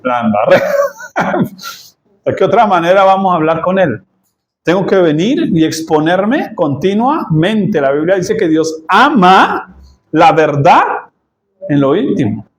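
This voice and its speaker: A man's voice: sits high, big pitch swings, takes it slowly. A man preaching a sermon as pastor, conversational, often checking in with the congregation and laughing at his own jokes.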